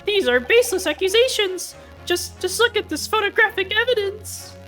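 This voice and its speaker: A woman voicing an indignant courtroom witness who shouts outraged denials in an amateur game voice-over. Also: extremely high pitch, normal speed, soft background music, voice pushed up.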